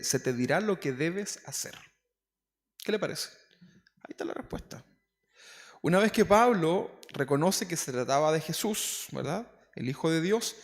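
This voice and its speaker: Pastor guy, gravelly voice, kinda high, long echo from the church hall. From Chile. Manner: conversational, asks the congregation questions. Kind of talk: sermon.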